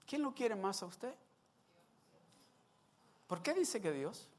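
A male preacher giving a sermon, telling a story and acting out its scenes in an animated way. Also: sits high, slow pace.

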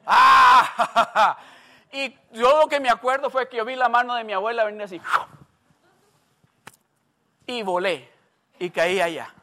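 A man's voice: very high voice, moderate pace, long pauses, fairly bright tone. An older man preaching a sermon, emphatic and repetitive, asking the congregation questions and telling stories from his own life. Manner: storytelling asides.

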